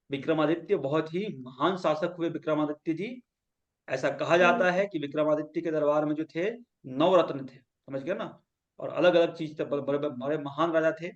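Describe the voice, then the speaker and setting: Male yoga teacher lecturing a class, high voice, storytelling, keeps checking that the students follow. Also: lo-fi sound. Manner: asks the class to repeat points back; acts out quoted lines as he tells stories.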